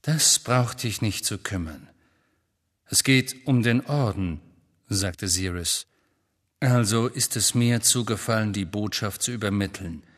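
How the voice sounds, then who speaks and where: A man reading an audiobook, voicing a rebellious grown wizard who speaks in a low, earnest, conspiratorial manner. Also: unhurried, a bit bright, in a large hall.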